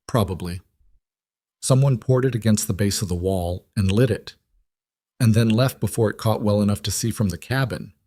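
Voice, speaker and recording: A man doing a guarded frontier rancher, clipped and measured, low and dry. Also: dark tone, dry recording, close to an everyday voice. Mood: grim. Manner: terse, measured. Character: guarded, steady rancher husband.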